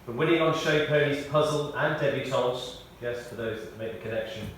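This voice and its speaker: Reading his prepared tribute aloud at a memorial service, this eulogist tells stories in a measured, drily humorous manner. He has a mid-range voice with a fairly bright tone. The large church makes it echoey, and the distant mic adds faint noise.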